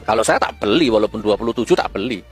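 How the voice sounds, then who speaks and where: A man delivering a scornful, fiery rant with sudden high-pitched outbursts. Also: animated, quick pace, breathy edge, soft background music. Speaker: preacher-style political commentator. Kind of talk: ranting monologue.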